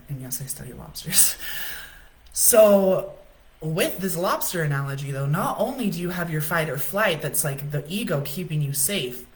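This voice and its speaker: A woman hosts a casual spiritual coaching talk on a livestream, speaking in her own low voice. She keeps it chatty and often checks in with "right?"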